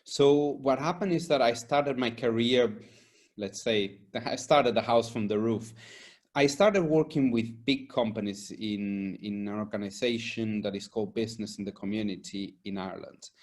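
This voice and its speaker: A fairly low-pitched, darkish voice at normal speed belongs to this earnest interviewee. The environmental and safety consultant, a native Spanish speaker from Argentina and Spain, gives conversational answers.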